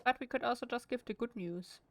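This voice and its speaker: A woman's voice: a little high, brisk. A woman with a German accent streaming a game at home, reading in-game text aloud with wry, chatty asides.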